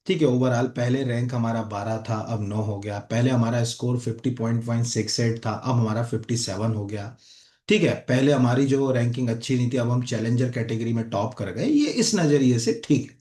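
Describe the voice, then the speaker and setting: A man's voice: medium pitch, mellow, roomy sound. A man teaching an exam-prep lesson over on-screen slides, in a loose conversational way, often checking in with "okay?" and "right?". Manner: conversational, repeats fillers like "ठीक है" and "है ना". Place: academy classroom or studio.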